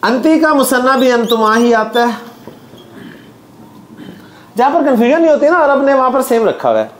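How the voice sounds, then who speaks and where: A man's voice: very high-pitched, very animated, normal speed, slight background noise. A man teaching Arabic grammar in a classroom, chanting word lists in a sing-song drill and explaining to his students.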